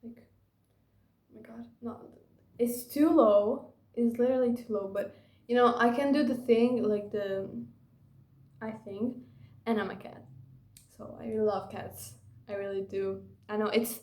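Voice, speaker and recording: A woman's voice: fairly high pitch, steady tone, a little slow, pauses often, darkish tone. A young woman vlogging casually to camera, rambling and gushing with lots of fillers. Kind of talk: casual confessional vlog. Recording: echoey room.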